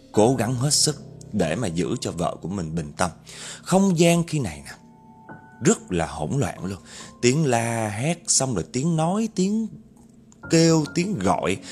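A man's voice: lowish voice, a little mellow. A man telling a spooky story dramatically and speaking directly to his listeners. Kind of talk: spoken horror storytelling.

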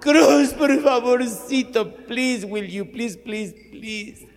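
A man's voice: very high voice, very slow, big-room sound, voice pushed up, full character voice. A man voicing a melodramatic old mother who shrieks and pleads, with a Mexican accent. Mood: wailing.

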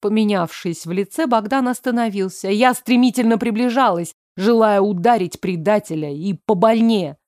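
A woman's voice: medium pitch, normal speed, few pauses, a little mellow, no room sound, clean studio sound. A woman reading a first-person story aloud as an audiobook narrator, expressively. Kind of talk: scripted narration.

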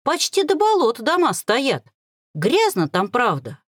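A woman's voice: on the high side, wildly swooping pitch, measured pace, dry recording, clean studio sound, pitched above the performer's own voice, full character voice. A woman voicing an eager, talkative teenage boy in an audiobook.

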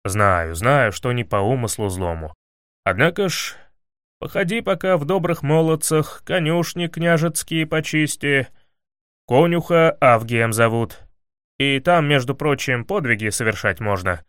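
A man voicing a gruff older male commander who speaks in a plain, folksy, fatherly way. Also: mid-range voice, lively intonation, unhurried, a bit bright, dry recording, clean studio sound.

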